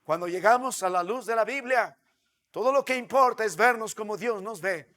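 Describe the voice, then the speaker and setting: A male pastor delivers a sermon in a strikingly high voice. His tone is forceful and bright. He hammers his points through repetition and rhetorical questions. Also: normal speed.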